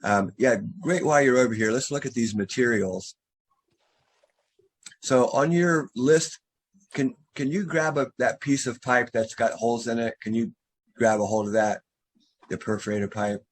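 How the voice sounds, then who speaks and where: Over a video call, a man who works as a drainage contractor guides a homeowner through the materials one step at a time, even though he's losing his voice. He speaks at a normal speed with medium pitch and a steady tone, against a little hiss or hum. His instructions come with fillers and restarts, the way a remote walkthrough often does.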